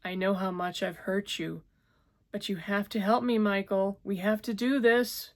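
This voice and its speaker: A woman's voice: on the low side, measured pace, vocal fry, a little mellow. Distraught young woman on the edge of collapse, begging through tears, read by a woman. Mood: pleading. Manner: pleading, tearful, raised voice.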